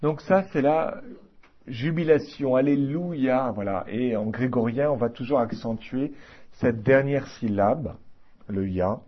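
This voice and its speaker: A man teaching a class on liturgy in an informal, halting way, with many fillers and restarts. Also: mid-range voice, husky, highs cut off.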